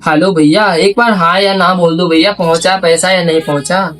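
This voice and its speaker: A man's voice: high-pitched, steady tone, moderate pace, fairly bright tone. Hesitant man vlogging, faint music behind. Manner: hesitant, repetitive, rambling. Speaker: prank call video maker and host. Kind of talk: casual phone chat and vlog talk.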